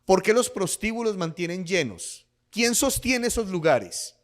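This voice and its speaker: A man preaches to a congregation, pressing his point with one rhetorical question after another. His voice is notably high for a man. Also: very animated, measured pace. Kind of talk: sermon.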